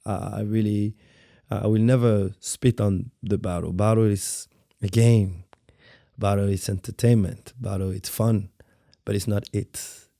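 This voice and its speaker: A Frenchman in his thirties, a guest dancer in an interview conversation, speaks English with a French accent. His low voice is gravelly and dark, with fairly even intonation, recorded dry and close with no room sound. He talks softly and haltingly, often repeating words as he searches for the right phrase.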